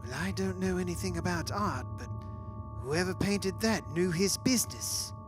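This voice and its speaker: A man's voice: high voice, expressive, normal speed, over music. A man acting in a radio play as a brash, blunt, middle-aged rich father who is impatient and demanding. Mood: curious, taken aback. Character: brash wealthy father who bought an old mansion.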